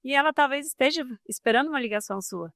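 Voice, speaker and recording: A woman speaking as a podcast guest on communication, talking in a casual, expressive and emphatic way. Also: high-pitched, quick pace, no room sound, studio quality.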